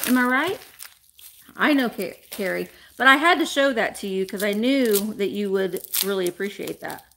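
A woman, chatting bubbly and fast to live viewers from a small room at home. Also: a little high, a bit bright, slight background noise. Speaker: vintage reseller host. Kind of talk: casual live-stream chat.

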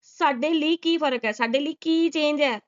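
A woman's voice: high voice, normal speed, muffled recording. A woman doing sarcastic reaction commentary, scolding and mocking with rhetorical questions. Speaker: reaction vlogger.

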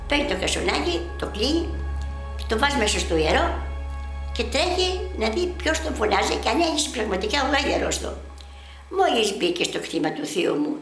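Older woman telling a lively story. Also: medium pitch, echoey room. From Lesvos, Greece. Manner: vivid, animated storytelling with dramatic pauses. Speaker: eyewitness. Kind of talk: storytelling testimony.

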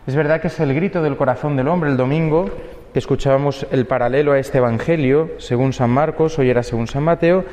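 A man's voice: mid-range voice, brisk, darkish tone, echoey room, in a large hall. A young male priest giving an earnest homily, posing rhetorical questions.

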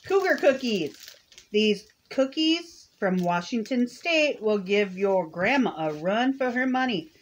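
A woman's voice: a little high, expressive, a little slow. A woman on a living room couch, reading product blurbs aloud and adding short, dry verdicts. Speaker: snack box reviewer. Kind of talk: casual taste-test chat.

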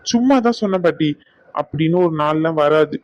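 A man's voice: on the high side, animated, brisk, a little mellow, lightly acted. A man voicing an exasperated young husband, a doctor, who pleads and complains to his grandmother about his wife. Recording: dull lo-fi.

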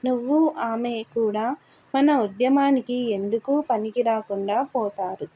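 A woman reading the lines of a stern, serious young worker-activist in a low, measured, lecturing way. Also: warm tone, breathy edge, highs cut off.

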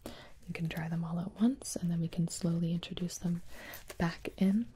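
A young woman in a whispered role-play as a calm, attentive doctor, speaking in a soft, breathy whisper with a gentle, reassuring manner. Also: lowish voice, moderate pace, slight background noise. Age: young adult. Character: calm, attentive female doctor examining a patient. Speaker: ASMR performer playing a doctor.

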